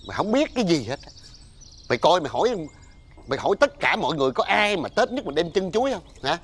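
An actor playing an irritable, superstitious older father, scolding loudly in a TV sitcom. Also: high-pitched, sing-song, quick pace. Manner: scolding, blustering, loud rants. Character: irritable superstitious old father, Tết-obsessed. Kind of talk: TV sitcom acting.

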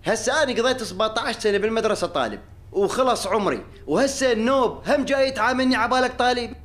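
A man's voice: very high-pitched, quick pace, fairly bright tone. A man with an Iraqi accent playing a cheeky, complaining taxi-office worker in a comic sketch. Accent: Iraqi Arabic.

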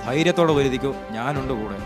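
A man's voice: mid-range voice, quick pace, natural voice. A man voicing a boastful young sniper in an anime recap, read plainly in his own voice. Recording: voice-over with clear music behind.

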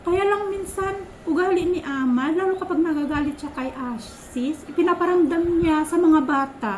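A woman's voice: very high voice, moderate pace, a little mellow, a little hiss or hum, rough recording. A Filipino woman vlogger in her thirties telling viewers, chatty and exasperated, about a family quarrel, quoting what each person said. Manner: chatty, exasperated, retells quarrels with quoted lines. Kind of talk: casual storytelling to viewers.

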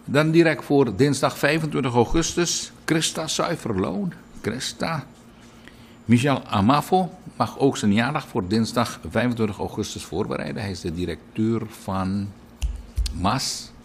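A middle-aged man presenting birthday announcements on the air, chatty and lively, wandering off into little anecdotes. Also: medium pitch, moderate pace, slight background noise. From Suriname. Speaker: radio and TV presenter.

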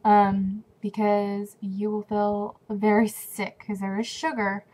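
A young Californian woman with a runny nose chats into her webcam at home in a casual vlog, rambling with lots of fillers and restarts. Her medium-pitched, level voice is slow and a little mellow, and the recording quality is low.

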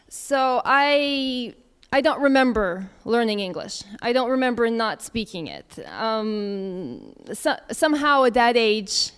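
A woman's voice: fairly high pitch, clean tone. A woman in her thirties from Russia, an English teacher, giving a casual, chatty talk at a conference with many fillers and restarts. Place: conference hall.

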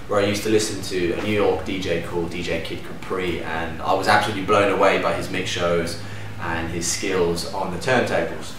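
A Danish DJ and producer in his thirties answers interview questions to camera from his living room at home, relaxed and enthusiastic, gesturing lively with his hands. His voice is low, and the recording is echoey, with a distant mic and a faint hum.

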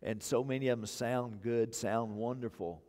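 A mid-range, slightly mellow voice belongs to an older man preaching as pastor at normal speed in a steady tone, repeating phrases to press his points. He stands on an indoor church sanctuary stage with a wireless mic, and the audio has a long church-hall reverb.

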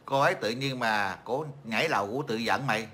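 A man's voice: medium pitch, fairly quick, bright, forceful tone. A middle-aged man from Vietnam hosting a casual livestream chat, rambling and mocking, with many fillers and repeated words. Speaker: livestream host.

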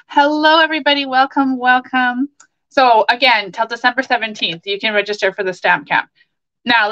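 A Canadian woman in her forties hosts a casual crafting livestream with chatty enthusiasm. Her voice is fairly high and very bright. The sound is slightly dull, as if caught by a webcam mic in a small home office. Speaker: craft demonstrator and livestream host.

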